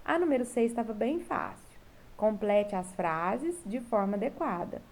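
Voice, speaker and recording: A woman's voice: mid-range voice, expressive, unhurried, gravelly, a little mellow. A woman teacher with a Brazilian Portuguese accent, recording from home as she patiently goes over a homework correction for her pupils and keeps checking that they follow. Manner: patient, checks in often with a tag question.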